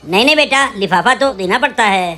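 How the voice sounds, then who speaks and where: A woman voicing an older father-in-law who fondly and gently insists on giving an envelope of money. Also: medium pitch, animated, a little fast, faint music behind, pitched below the performer's own voice.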